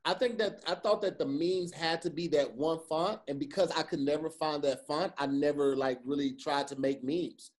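A man's voice: a little high, moderate pace, few pauses. A man who is a comedian, talking on a casual podcast and telling stories in an earnest way. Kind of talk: casual chat.

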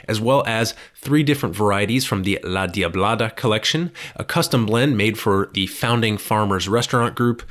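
A man's voice: fairly low pitch, a bit bright. A man hosting a drinks podcast, reading an intro and then asking friendly questions with some fillers. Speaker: podcast host. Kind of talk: scripted intro then casual interview.

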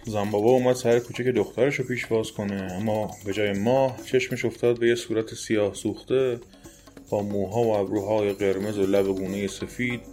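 A man's voice: lowish voice, darkish tone. Man telling a folk tale. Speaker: storyteller.

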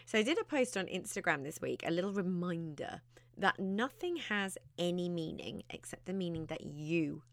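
A woman's voice: on the low side, no echo. A woman hosting her own podcast, talking straight to the listener in a chatty, emphatic way. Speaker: podcast host, success mentor. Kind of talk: podcast monologue.

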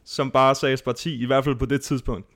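A man hosting a podcast, chatting casually and telling stories in a rambling, animated way. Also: medium pitch. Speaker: podcast host. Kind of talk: casual chat about fighting.

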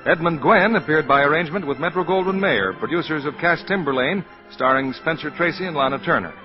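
A man announcing the credits of an old radio show in a formal, measured 1940s broadcast style. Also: fairly high pitch. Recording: muffled old radio broadcast with music behind.

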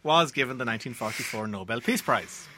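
A man's voice: medium pitch, animated, fairly quick, sharp tone, slight background noise. An Irish man hosting a quiz, reading out questions and bantering with contestants. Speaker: quiz host.

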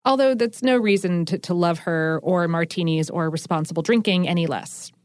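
A woman's voice: lowish voice, normal speed, darkish tone, no echo. A woman co-hosting a podcast, explaining food history and science in a chatty, enthusiastic way with lots of asides. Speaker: podcast co-host.

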